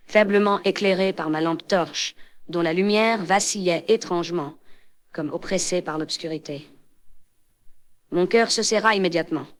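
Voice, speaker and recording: A woman narrating a French horror story in a measured, dramatic scripted reading. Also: on the low side.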